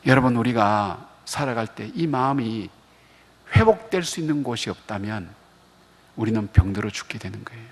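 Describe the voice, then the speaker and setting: A middle-aged male pastor delivers a revival sermon, spinning stories and slipping into the voices of the people he quotes. His voice is husky with a gravelly edge. It rings with a long echo through a church sanctuary. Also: lowish voice, animated, normal speed, darkish tone. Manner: storytelling, acting out quoted dialogue. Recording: echoey church hall.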